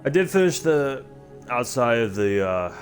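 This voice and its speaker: A man's voice: medium pitch, sing-song, measured pace. A man with a slightly nasal, stuffy voice, chatting loosely through a casual gaming livestream, rambling with lots of fillers. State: stuffy from allergies. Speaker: streamer. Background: music.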